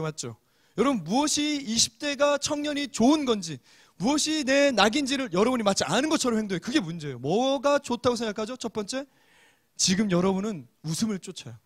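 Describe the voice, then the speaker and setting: A male pastor giving a joking, lively sermon to young adults, acting out quotes with loud exclamations. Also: very high-pitched.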